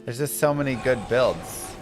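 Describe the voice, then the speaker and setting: A man's voice: mid-range voice, expressive, normal speed. A man talking casually as a game streamer, rambling along in informal gamer slang. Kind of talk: casual live-stream chat about a video game. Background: music.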